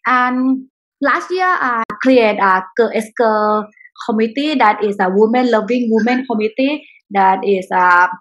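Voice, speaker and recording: A woman speaks as a podcast guest, her voice husky and a little breathy. She answers questions in a halting way, often pausing with "uh" between phrases. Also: a little high, a bit bright, low-quality recording. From Thailand. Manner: halting, with frequent "uh" pauses. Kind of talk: casual interview answers.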